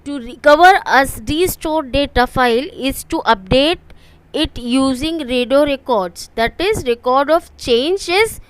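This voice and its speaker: A woman's voice: high voice, smooth, no echo, rough recording. A woman with an Indian English accent teaching an online computer class, explaining step by step and often checking "okay?" with her students. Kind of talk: online lecture.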